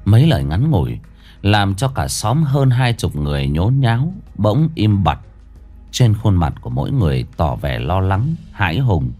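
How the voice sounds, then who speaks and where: A low-voiced male narrator tells a village ghost story with dramatic, lively rises and falls in pitch. His delivery stays grave throughout, and faint music plays beneath him. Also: moderate pace. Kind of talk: scripted horror narration.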